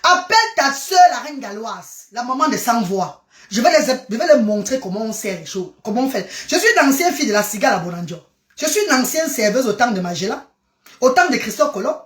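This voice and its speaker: A woman chatting in a casual live stream, animated and exclamatory, jumping from one topic to the next. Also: fairly high pitch, a little fast. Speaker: social media live streamer. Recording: roomy echo.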